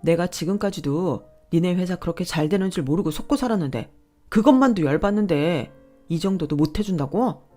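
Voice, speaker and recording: Entitled grasping husband in a storybook tale, bossy and whiny, low-pitched, read by a woman. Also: lively intonation, moderate pace, a little mellow, faint music behind, close to an everyday voice. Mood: defensive. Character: greedy boastful husband, adult man.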